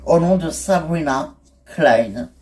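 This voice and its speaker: A woman's voice: low voice, animated, a little mellow. A woman voicing a wealthy woman placing a hesitant phone order, in a toy-figure soap drama. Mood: polite. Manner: polite, halting.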